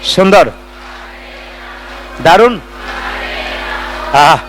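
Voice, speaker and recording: A man leading a devotional gathering, talking to the crowd and rousing them to chant louder. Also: high-pitched, animated, extremely slow, slight background noise. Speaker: kirtan singer leading a gathering. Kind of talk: devotional talk and call-and-response chanting.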